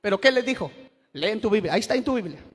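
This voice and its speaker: High-voiced preaching man. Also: lively intonation, racing, breathy edge, long reverb tail, soft background music. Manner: preaching with sudden shouted emphasis. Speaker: pastor. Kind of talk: sermon.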